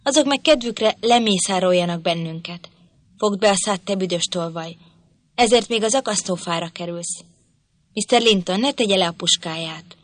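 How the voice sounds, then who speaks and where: A woman doing a loud accusing manservant. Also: medium pitch, no echo, lightly acted. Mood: outraged. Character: blustering male manor servant, accusing.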